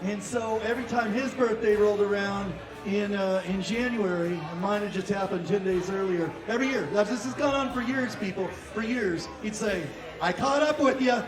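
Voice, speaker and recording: A man's voice: sits high, normal speed. A man in his fifties emceeing a memorial show, chatty and joking, laughing through his stories on a stage mic in a small rock club. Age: 50s. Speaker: event emcee. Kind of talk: casual stage banter and storytelling. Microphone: stand mic on stage, taped from the audience. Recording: echoey club taped from far off, crowd. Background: crowd chatter.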